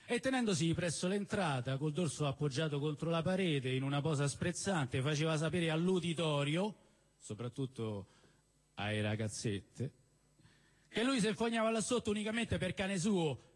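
On a live stage at a celebration event in a cinema venue, a storyteller gives an expressive dramatic reading of a novel. His voice is a little high for a man, and he reads in an animated, theatrical way, leaning on key phrases and leaving deliberate pauses.

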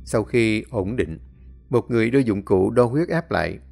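A man's voice: lowish voice, expressive, normal speed, vocal fry, a little mellow, soft background music. A man narrating a dramatic story expressively, acting out the scenes.

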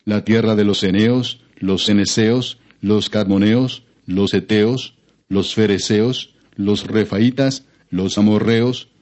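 A man reading scripture as an audiobook narrator in a solemn, measured, formal manner. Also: lowish voice, steady tone, a little mellow. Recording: dull, lo-fi audio.

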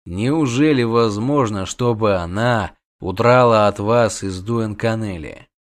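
A man voicing a gruff, weary grown monster hunter, talking low, curt and measured. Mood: stern questioning.

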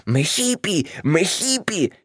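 A woman's voice: extremely low pitch, lively intonation, normal speed, no room sound, studio quality. A woman voicing an older man, a boastful ex-hippie uncle, telling rambling brash stories in an audiobook. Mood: brash tipsy.

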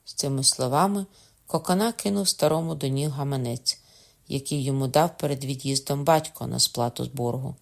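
A woman narrating a classic novel as an audiobook reader, in a measured, expressive way. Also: a bass voice, gravelly.

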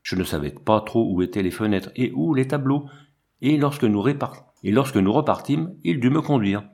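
A man reading a literary novel aloud as an audiobook narrator, in a calm, measured way. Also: mid-range voice, creaky. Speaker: audiobook reader.

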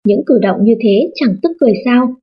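A woman voicing an old, lame Taoist nun who scorns the family with mocking calm, in a storybook reading. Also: a little high, fairly quick, husky, muffled recording. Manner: scornful, laughing at others.

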